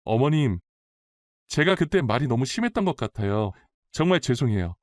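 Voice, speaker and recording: A man's voice: mid-range voice, big pitch swings, normal speed, no room sound, clean studio sound, close to an everyday voice. A man voicing a demanding young daughter-in-law who talks insistently and defiantly, for a dramatized story reading. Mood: pleading.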